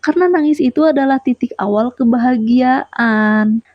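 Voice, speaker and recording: A woman's voice: sits high, moderate pace, no echo, lo-fi sound. A woman giving a motivational talk straight to her viewers, often repeating her points and asking them questions. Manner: repeats key points, asks the listener questions. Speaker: motivational YouTuber. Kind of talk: direct-to-camera motivational talk.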